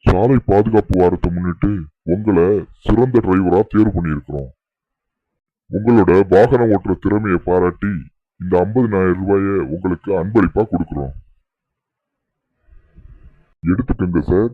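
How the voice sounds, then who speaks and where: A man's voice: sits low, moderate pace, no room sound, phone-quality sound. A man voicing an officious traffic policeman in a cartoon, speaking formally.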